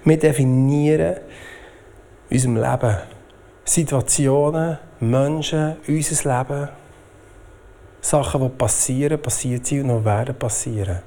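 A man with a Swiss German accent preaching a sermon in a lively, informal way. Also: unhurried, long pauses. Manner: lively, informal preaching with swings in pitch and loudness.

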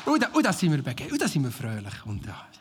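A man preaching a sermon as pastor, enthusiastic and often laughing, swinging between loud praise and hushed, almost whispered reflection. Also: mid-range voice, wildly swooping pitch, quick pace, crowd noise, noisy background. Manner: laughs often, mixes English exclamations into his preaching.

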